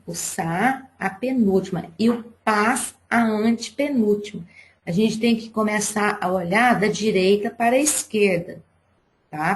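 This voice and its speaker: Slow, patient woman teaching children. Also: medium pitch. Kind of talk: live online class for children.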